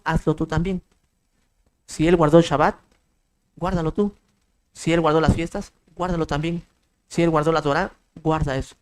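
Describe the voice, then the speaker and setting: Man preaching a sermon, emphatic, rhetorical questions, warm mellow tone, slightly high. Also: poor audio. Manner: emphatic, rhetorical questions, acts out quoted dialogue.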